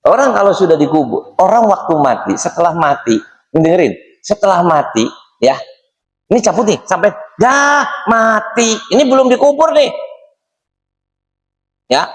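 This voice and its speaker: Lively high-voiced preacher, echoey hall. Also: male voice, moderate pace, pauses often. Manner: lively, questioning the audience in a teasing way. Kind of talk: mosque study sermon. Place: mosque hall. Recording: echoey mosque hall reverb.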